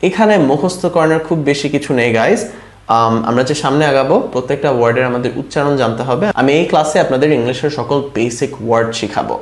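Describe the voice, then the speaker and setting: Male phonics teacher, mid-pitched, patient, spells out syllables, echoey room. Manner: slow, sounds words out syllable by syllable, often asks "right?". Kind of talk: informal online lesson.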